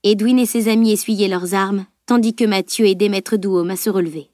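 A woman's voice: mid-range voice, fairly even intonation, a little fast, darkish tone, no echo. Dry, close woman narrating a novel. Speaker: audiobook narrator. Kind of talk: scripted narration.

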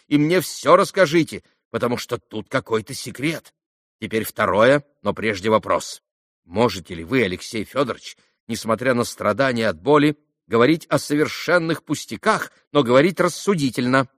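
A shrill, demanding teenage girl, put on by a male audiobook reader. Her voice sits far above his own and bursts out in quick, commanding cries. The sound is dry and close. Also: fairly bright tone, no room sound, natural voice. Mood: bossy eager. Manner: shrill, commanding, rapid outbursts. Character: teenage girl, sick, imperious and excitable. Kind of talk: audiobook character reading.

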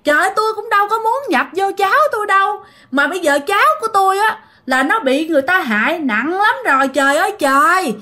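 A woman voicing the restless ghost of a middle-aged uncle, high, wailing and insistent. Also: big pitch swings, fairly quick, pushed and bright, exaggerated voice.

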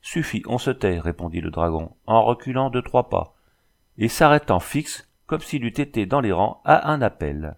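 Low-voiced man narrating a novel. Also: animated, creaky. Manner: measured literary reading. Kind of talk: audiobook narration.

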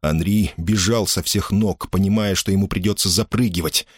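A man narrating a dramatic story as an audiobook in a measured, expressive way. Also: sits low, slightly rough, no room sound, clean studio sound.

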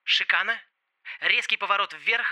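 High, sharp-edged engineer in a headset barking clipped cues, a male narrator putting it on. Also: moderate pace. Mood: steady coaching. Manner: clipped commands, steady then urgent.

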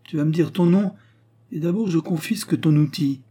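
A man voicing a rough, stern forest sergeant who speaks threateningly. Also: a little high, normal speed, mellow, voice pushed up. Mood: harsh.

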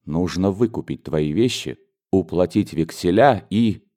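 A man's voice: low-pitched, voice pushed down. A man reading a grave, remorseful lover. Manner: quiet, soft, deliberate.

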